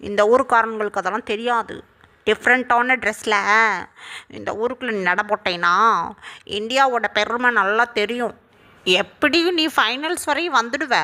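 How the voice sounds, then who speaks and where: A bossy old village grandmother, chatty and teasing, scolding in a fairly high voice, as a woman narrator puts her on. She rattles on in a storytelling voice-over, boastful and sure of herself. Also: sharp tone.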